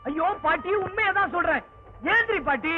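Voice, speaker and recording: A hot-tempered young son, with a very high, lively voice that rises and falls sharply. It sounds dull and aged, with faint film music underneath. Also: male voice, fairly quick. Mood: overjoyed. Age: young adult. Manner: curt and angry, then overjoyed. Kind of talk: classic film melodrama.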